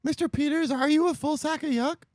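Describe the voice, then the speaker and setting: A woman acting an aggrieved complainant in a comic courtroom role-play. The voice is very high and cheeky, putting questions with mock earnestness and small hesitations. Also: brisk, darkish tone, dry recording, clean studio sound, close to an everyday voice. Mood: hesitant questioning.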